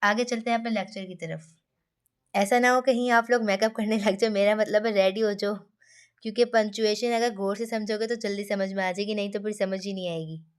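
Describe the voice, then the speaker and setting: A woman's voice: medium pitch, steady tone, brisk, clean tone. A woman teaching an online English lesson in a chatty way, often turning to her students with playful asides.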